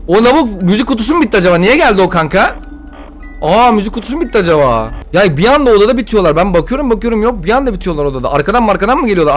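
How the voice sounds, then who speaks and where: Jittery young man, very high voice. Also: slight background noise. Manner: slangy, jittery, yelps and laughs when scared. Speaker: gameplay streamer. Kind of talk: casual horror game commentary.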